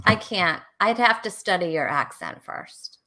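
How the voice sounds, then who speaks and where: A woman's voice: lowish voice, big pitch swings, measured pace, bright, forceful tone. A woman hosting a casual live-stream talk show, laughing often and reading out viewer comments. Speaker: host.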